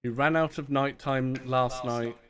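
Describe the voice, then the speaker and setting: A man's voice: medium pitch, steady tone, a little slow, a bit bright. A man chatting casually on a live game stream, rambling, self-mocking and laughing often. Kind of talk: casual live-stream chat while gaming.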